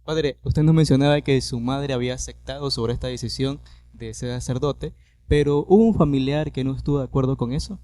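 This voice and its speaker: A male podcast interviewer poses polite, measured questions. His tone is mellow and warm. The voice is smooth and resonant. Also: mid-range voice.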